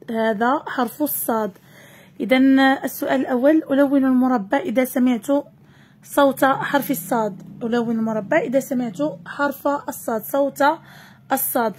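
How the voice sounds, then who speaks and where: A woman teacher with a Moroccan accent, giving a recorded lesson for young children and slowly sounding out letters and syllables. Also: high-pitched, steady tone, a little mellow, husky.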